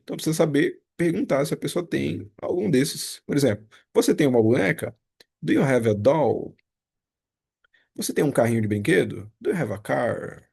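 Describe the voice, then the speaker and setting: A man's voice: medium pitch, lively intonation, normal speed, vocal fry, a little mellow, slightly rough. A man teaching a casual review lesson. He talks patiently, explains step by step and repeats each example. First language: Portuguese.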